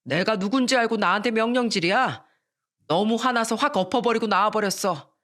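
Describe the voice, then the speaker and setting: A woman's voice: medium pitch, brisk, fairly bright tone, voice pushed up, natural voice. Woman reading a whiny deadbeat husband in a story radio, always making excuses. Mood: defensive. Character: feckless pleading adult husband, defensive.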